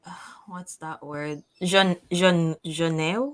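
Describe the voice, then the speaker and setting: A woman's voice: mid-range voice, wildly swooping pitch, a little slow, sharp tone. A woman practising new words as a beginner in casual chat, hesitant, giggly and self-deprecating. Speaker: beginner language learner.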